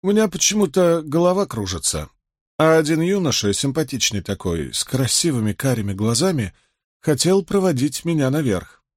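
A man voicing a tipsy young noblewoman, proud and emotional, speaking a little higher with an indignant edge. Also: very animated, moderate pace, no echo, studio quality.

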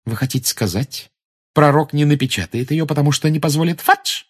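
A clever, cool-headed schoolgirl, voiced by a male reader. She speaks calmly and pointedly, with a raised, slightly husky tone and lively pitch. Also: moderate pace. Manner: calm, pointed, sarcastic.

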